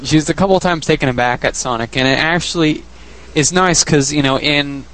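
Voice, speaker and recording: A man's voice: a little high, a little fast, fairly bright tone, a little hiss or hum, low-quality recording. A man co-hosting a casual podcast discussion about a video game, rambling and often correcting himself. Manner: rambling, self-correcting, chuckling. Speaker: podcast co-host.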